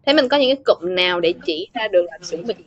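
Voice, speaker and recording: A woman's voice: fairly low pitch, animated, quick pace, dry recording. A woman with a Vietnamese accent teaching an online class, calling on students by name and explaining phrases. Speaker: English teacher. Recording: dull, lo-fi, dry call audio.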